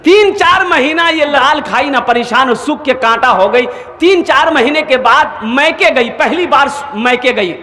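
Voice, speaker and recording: Male preacher, very high voice, comic storyteller who slips into character voices. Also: expressive, measured pace, few pauses, sharp tone, echoey room. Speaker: maulana preacher. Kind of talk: humorous sermon with acted anecdotes.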